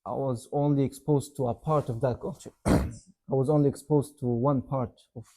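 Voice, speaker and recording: A young man from Yemen who grew up in Saudi Arabia answers interview questions in an easy, meandering way. His voice is very dark and mellow, and he leans on "like" and "you know" as he talks. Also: mid-range voice, normal speed. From Yemen, raised in Saudi Arabia. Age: young adult. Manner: relaxed, rambling, many "like" and "you know" fillers. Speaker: interview guest, university student. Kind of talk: casual interview chat.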